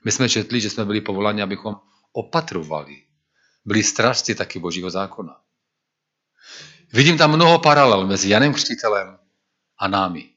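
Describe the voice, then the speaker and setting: A man's voice: lowish voice, animated, pauses often, bright, forceful tone, muffled recording. A man preaching a sermon to a congregation, speaking earnestly and rising to emphatic declamation when he quotes scripture.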